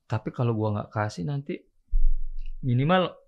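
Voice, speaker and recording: A man from Indonesia, here as a podcast guest, tells his story loosely and casually in slangy speech. His voice sits at an ordinary middle pitch, and he delivers the telling with lively energy. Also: moderate pace, muffled recording.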